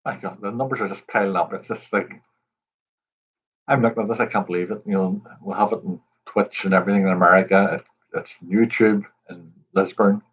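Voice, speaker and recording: A man with a lowish, steady, brisk voice and a breathy edge hosts a pub quiz livestream, chatting casually and greeting viewers by name. The stream audio is dull and lo-fi.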